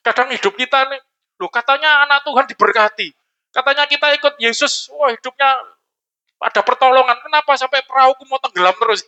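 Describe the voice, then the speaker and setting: A man preaching a lively, joking sermon in a church hall, often asking the congregation questions. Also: very high-pitched. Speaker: pastor.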